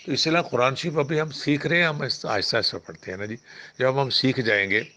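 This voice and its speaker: A man with a Pakistani Urdu accent teaching Quran recitation. He spells letters slowly, draws out recited words, and drifts into chatty everyday examples. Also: mid-range voice, pushed and bright, a little hiss or hum. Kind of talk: Quran tajweed lesson with a spoken talk.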